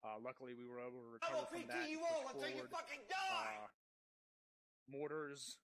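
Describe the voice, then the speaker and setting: A man's voice: extremely high pitch, wildly swooping pitch, moderate pace, a loud crowd. A man leading a military-roleplay debrief as unit commander, speaking bluntly and swearing heavily over game voice chat.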